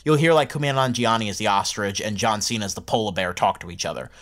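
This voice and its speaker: A man co-hosting a film podcast, giving opinionated, animated reviews in a casual chat. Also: lowish voice, fast. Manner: opinionated, animated, laughs often. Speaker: podcast co-host.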